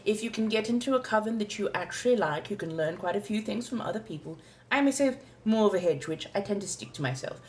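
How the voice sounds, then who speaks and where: Staying in character as a gracious, chatty old vampire lady with a posh colonial accent, a livestreamer fields viewer questions in a live Q&A. Her medium-pitched voice is lively and pushed up, close to her everyday voice, and her phrasing is formal, old-fashioned and slowly drawn out, with slight background noise.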